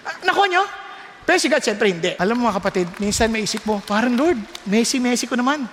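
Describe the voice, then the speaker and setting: A man's voice: very high-pitched, lively intonation, quick pace, fairly bright tone, long reverb tail, a little hiss or hum. An older male pastor preaching a sermon, mixing languages and checking in with the congregation with frequent questions. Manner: preaching in mixed Tagalog and English, with questions to the congregation.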